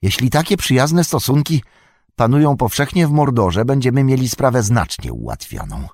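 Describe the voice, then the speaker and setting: A man's voice: mid-range voice, very animated, normal speed, darkish tone, no room sound, studio quality. Sam, a man doing a blunt hobbit servant. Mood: wry. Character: plain-spoken male hobbit servant, loyal and blunt. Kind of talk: audiobook reading.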